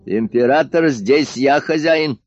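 A man voicing a creaky-voiced, grumbling old doctor with a bossy, peevish way of talking. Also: mid-range voice, takes it slowly, darkish tone, dry recording, pitched above the performer's own voice. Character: grumpy old doctor with a grey beard, male. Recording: dull dry lo-fi studio recording.

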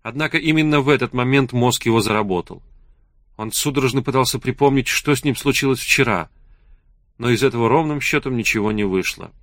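A man tells a novel in a measured, even narrating voice of middle pitch. The recording is close and dry, with no room echo. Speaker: audiobook narrator. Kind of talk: scripted audiobook narration.

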